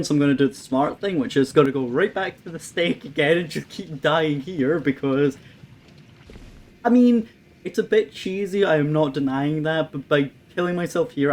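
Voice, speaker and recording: A man giving casual let's-play commentary, thinking aloud and swearing at the game with wry humour. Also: on the high side. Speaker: gameplay commentator. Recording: faint background noise.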